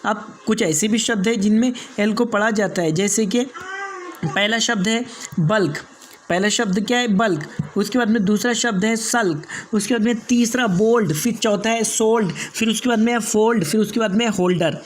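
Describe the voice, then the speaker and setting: A man's voice: high voice, moderate pace, a little hiss or hum. Man teaching, repeating each rule. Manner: repeats rules, asks and answers his own questions; spells words letter by letter. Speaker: English teacher and channel host. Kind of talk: spoken language lesson.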